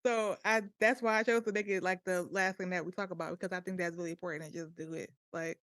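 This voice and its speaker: A young woman co-hosting a podcast, telling stories in casual chat and sometimes dropping to a soft voice. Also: fairly low pitch, steady tone, quick pace, no room sound. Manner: storytelling, mimics family voices, drops soft at times. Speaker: podcast co-host.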